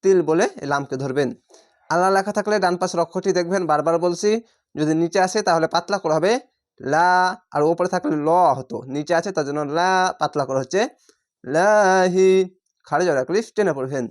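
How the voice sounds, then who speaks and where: A Quran reading teacher who gives a patient word-by-word recitation lesson, drawing out each Arabic word slowly before explaining the rule. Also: medium pitch. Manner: chants Arabic words in drawn-out recitation tone.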